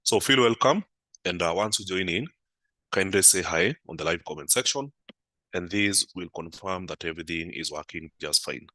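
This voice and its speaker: Slowed by frequent "uh" fillers, a man with a flu-affected voice works through live comments on his market analysis stream without rushing. The recording is dry, and his low voice comes across pushed and bright.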